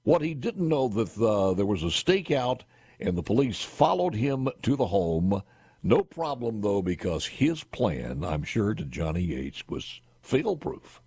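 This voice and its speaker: A man's voice: fairly low pitch, big pitch swings, measured pace, a little mellow, slightly rough, no echo. An older man, a radio talk show host telling wry folksy stories and chatting with a guest in a studio. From Mississippi. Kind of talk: casual radio talk and interview. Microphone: studio boom mic with headphones.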